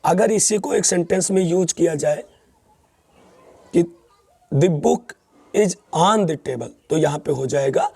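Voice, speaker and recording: A man's voice: a little high, a little slow, pauses often, warm tone, breathy edge, no echo. A man teaching English grammar in Hindi, mixing in English terms and asking and answering his own questions as he explains.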